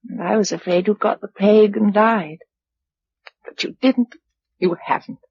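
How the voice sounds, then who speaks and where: An actress playing Josella, an affectionate, capable British young woman in a radio drama, emotional and wryly tender with a slightly breathy voice. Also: medium pitch, fairly even intonation, moderate pace. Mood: tender, subdued. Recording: dull old radio recording.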